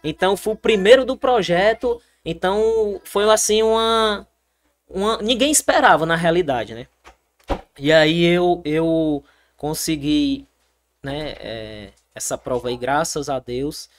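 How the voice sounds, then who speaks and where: Young Brazilian soldier guest, lively storyteller who restarts often. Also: male voice, a little high, a little slow. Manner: animated storytelling, many fillers and restarts. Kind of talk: casual interview.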